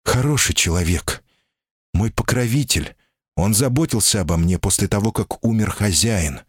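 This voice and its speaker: A man's voice: fairly low pitch, expressive, moderate pace, slightly rough, dry recording, clean studio sound. A man voicing a timid, guarded female golem in human shape, anxious and pleading, in an audiobook reading. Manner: anxious, pleading, often cries out.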